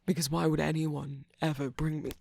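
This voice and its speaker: An ASMR performer voicing a suspicious, sardonic villain jester cookie in an intimate roleplay, breathy and often dropping to a whisper, close on the mic. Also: mid-range voice, level tone, darkish tone, no echo. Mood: suspicious, mocking. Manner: sardonic, teasing, drawn-out phrasing. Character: mischievous, suspicious, guarded villain cookie jester, grudgingly softening. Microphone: close, dry microphone.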